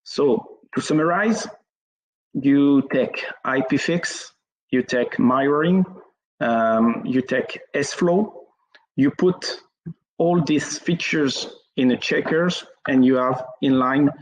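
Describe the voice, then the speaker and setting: A man's voice: medium pitch, slow. A man with a French accent giving a technical presentation as a network engineer, hesitant and full of fillers. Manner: hesitant, many fillers, apologetic. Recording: dull lo-fi sound.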